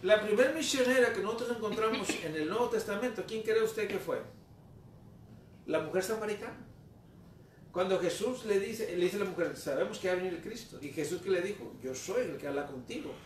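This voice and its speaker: A male pastor preaching a sermon, posing rhetorical questions and swinging suddenly from soft to loud. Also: high-pitched, a little fast. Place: church sanctuary. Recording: echoey church room, mic far off, faint background noise.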